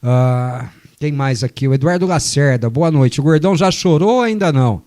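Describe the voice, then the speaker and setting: A man's voice: mid-range voice, lively intonation, normal speed, dark tone. A man hosting a radio sports show, chatting casually, joking and reading listener messages. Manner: chatty, joking, long explanations. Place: radio studio.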